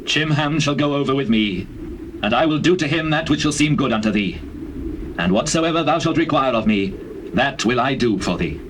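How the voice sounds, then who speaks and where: An actor playing a grave, commanding ancient king with a husky voice in a dramatized scripture reading. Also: mid-range voice, expressive, normal speed, fairly bright tone, a little hiss or hum, close to an everyday voice, poor audio. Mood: gracious. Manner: stately, commanding. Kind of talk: dramatized scripture reading, theatrical classical acting.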